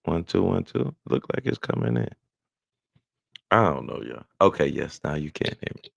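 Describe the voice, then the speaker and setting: A man's voice: extremely low pitch, very animated, normal speed, creaky, dry recording, clean studio sound. A middle-aged man talking casually on his own live stream, rambling and interrupting himself with laughs as he sets up his sound.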